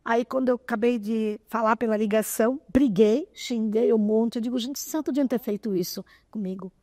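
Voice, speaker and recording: A woman's voice: fairly high pitch, fairly quick, dry recording. Older woman telling an emotional story. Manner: animated, often close to tears. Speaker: interview guest, association president.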